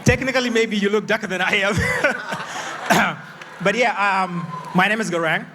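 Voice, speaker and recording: A man from South Sudan speaking from the audience, hesitant with many fillers and throat-clearing, over loud crowd noise. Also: high voice, measured pace. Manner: hesitant, many fillers, mixing Swahili slang. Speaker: audience member.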